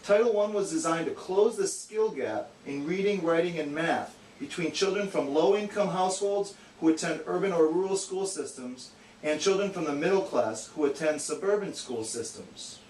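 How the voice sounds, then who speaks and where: Earnest and matter-of-fact, a man plays the straight man in a puppet show, giving a scripted educational explanation. His voice is a little high and a little mellow, at a moderate pace, and the recording is echoey and distant with faint noise.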